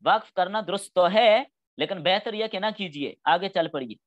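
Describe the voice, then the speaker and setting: A man's voice: sits high, moderate pace, highs cut off. A middle-aged man teaching a class on Quran studies, explaining patiently step by step and acting out spoken examples. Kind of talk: classroom lecture.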